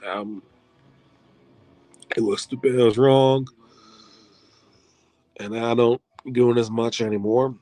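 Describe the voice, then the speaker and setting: A man's voice: medium pitch, steady tone, takes it slowly, pauses often, warm tone, no room sound. A man hosting his own online show, rambling through heartfelt thank-yous in a casual farewell video, with some swearing. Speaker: online league host signing off.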